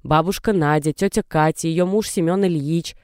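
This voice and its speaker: A man's voice: a little high, moderate pace, darkish tone, clear, resonant tone, no echo, clean studio sound, natural voice. A man reading the lines of an anxious middle-aged mother who lectures and coaxes her daughter over the phone. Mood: coaxing. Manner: coaxing, insistent, lecturing.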